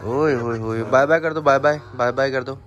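A man's voice: mid-range voice, moderate pace, a bit bright, lo-fi sound, slight background noise. A young man filming a casual home vlog, chatting to the camera and cooing baby talk to his pet parrots. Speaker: vlogger.

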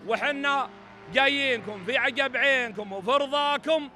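High, forceful Saudi Bedouin Arabic orator, male. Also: normal speed, slight background noise. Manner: declamatory, projected to a crowd. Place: open desert ground, outdoor mass gathering. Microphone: stand microphones.

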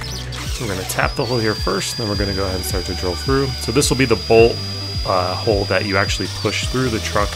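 A man in his thirties walks through a do-it-yourself project in a relaxed, practical way, correcting himself as he goes. His voice sits on the low side. Music plays clearly behind him. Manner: casual and practical, with filler "uh" and self-corrections. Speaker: DIY builder. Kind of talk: casual how-to narration. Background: background music.

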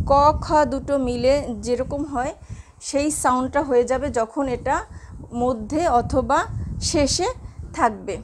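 Woman teacher, high voice, patient and repetitive, light background hiss. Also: darkish tone. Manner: slow, repeats examples for students. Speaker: Bengali teacher. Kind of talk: classroom lesson on pronunciation.

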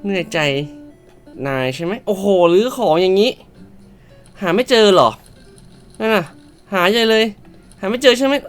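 A woman doing lively let's-play commentary, her pitch swinging widely as she shouts and exclaims. She swears at the characters in fun and sometimes drops into a polite shop-clerk tone. Soft music plays underneath. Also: normal speed, long pauses. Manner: loud, exclamatory, swears playfully at game characters. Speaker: gamer.

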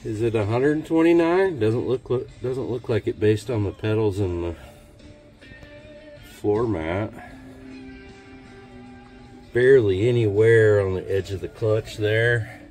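Laid-back man with a lowish voice. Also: takes it slowly, pauses often, soft background music. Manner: relaxed, offhand, thinking aloud with dry jokes. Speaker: homesteader showing his truck. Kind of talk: casual walkaround vlog. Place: outdoors at a farmyard and inside a truck cab.

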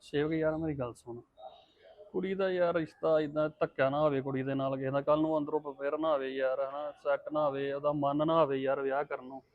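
A man's voice: a little high, little pitch movement, fairly quick, natural voice. A man playing a worried elder male cousin who talks things through cautiously and hesitantly. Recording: tinny lo-fi sound, dry.

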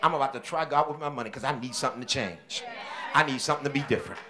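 A man preaching a sermon as senior pastor, with call-and-response shouting bursts and quieter stretches. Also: mid-range voice, very fast. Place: church.

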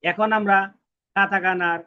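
Slow-drilling male language teacher. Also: high voice, steady tone, smooth, highs cut off. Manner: slow, drilled repetition of syllables; asks and answers his own questions. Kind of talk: recorded alphabet lesson.

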